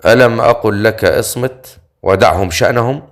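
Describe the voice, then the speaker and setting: Cold stern forest master, curt and warning, low-voiced man reading. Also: moderate pace, natural voice.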